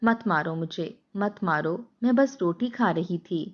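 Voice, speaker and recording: A woman's voice: lowish voice, lo-fi sound, natural voice. A woman voicing a grieving mother driven mad by hunger and loss, in a tearful, pleading lament.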